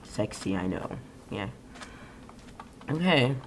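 Rambling excitable young gamer guy. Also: fairly low pitch, slow pace, background noise. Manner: rambling, excitable, swings between mumbling asides and sudden yells. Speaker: gaming YouTuber. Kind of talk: casual let's-play commentary.

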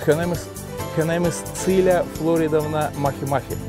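A man with a Russian accent speaking halting, simple English in a casual interview, often repeating words. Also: fairly high pitch, steady tone. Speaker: adventurer and sailor, interviewee. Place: on a sailboat in a marina, cockpit and cabin. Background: music.

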